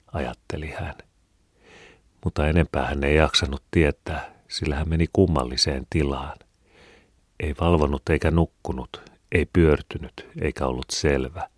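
Very deep-voiced male audiobook narrator. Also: dry recording, studio quality. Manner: calm, measured storytelling. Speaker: audiobook reader. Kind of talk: scripted narration of a classic novel.

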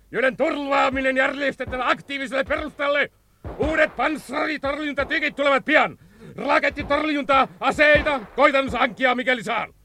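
An actor playing a harsh, ruthless lieutenant colonel who barks furious commands in a radio play. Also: male voice, very high-pitched, a little hiss or hum, full character voice. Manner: barking, furious shouted commands. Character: harsh, ruthless middle-aged lieutenant colonel berating officers.

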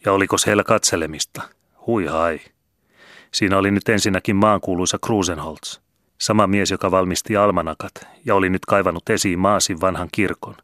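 A man calmly reading a novel aloud as an audiobook narrator. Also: low-pitched, no room sound, studio quality. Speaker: audiobook reader. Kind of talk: scripted narration.

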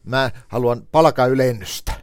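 A man's voice: medium pitch, clear, resonant tone, dry recording, clean studio sound, close to an everyday voice. A man playing a hapless, henpecked working man in a comedy sketch, rambling through folksy complaints. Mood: grumbling. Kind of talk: scripted comedy dialogue.

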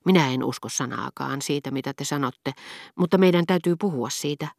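A woman reading an audiobook, voicing a poised and brisk aristocratic duchess. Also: extremely low pitch, gravelly, a little mellow, no room sound, studio quality. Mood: brisk, coaxing. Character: elegant, worldly aristocratic duchess.

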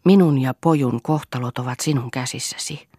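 A woman's voice: rumbling low, warm tone, slightly rough, no echo, clean studio sound. A woman voicing a firm, cool-headed wife in an audiobook, speaking earnestly and with a moralizing tone. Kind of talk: audiobook character reading.

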